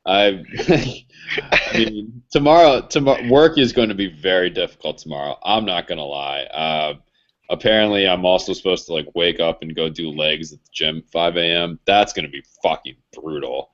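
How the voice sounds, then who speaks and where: A man's voice: low voice, normal speed, fairly bright tone, dull audio. A man co-hosting a casual podcast chat, joking and swearing freely. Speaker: podcast co-host.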